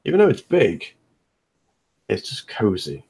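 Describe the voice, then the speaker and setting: A man's voice: lowish voice, huge pitch swings, a little slow, creaky, darkish tone, slightly rough. A man narrating as game master of a tabletop game, speaking in a laid-back, rambling way full of fillers.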